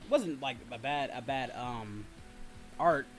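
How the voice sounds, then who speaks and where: Faint music plays behind a male livestream host as he reads viewer comments and responds, repeating himself, rambling and lobbing teasing complaints. He speaks at a medium pitch, animated but unhurried.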